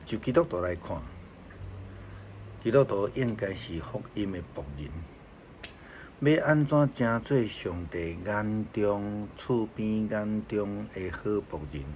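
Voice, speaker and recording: A male pastor with a Taiwanese Hokkien accent, giving a daily devotional sermon in a calm, measured storytelling way. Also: on the low side, a little hiss or hum.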